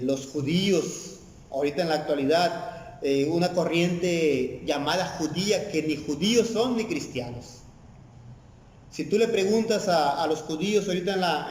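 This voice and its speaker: Earnest Mexican preacher in echoey hall. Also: male voice, on the high side, darkish tone. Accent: Mexican Spanish. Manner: earnest, repeats phrases, frequent "eh" fillers. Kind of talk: sermon. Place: church hall. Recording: echoey church hall with long reverb.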